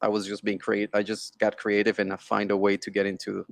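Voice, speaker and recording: Speaking quickly and with a completely flat delivery, this male tech entrepreneur answers interview questions on a video call in a casual way, regularly checking in with tag questions like "right?" and "you know?". His lowish voice has a creaky texture, and the studio-quality audio has no echo.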